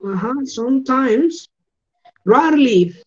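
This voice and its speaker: Colombian woman teaching online, slow repeated drills, dull lo-fi sound. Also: sits high, lively intonation, breathy edge. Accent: Colombian Spanish. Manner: slow, explanatory, repeats words for pronunciation. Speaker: English teacher. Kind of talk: online class lesson.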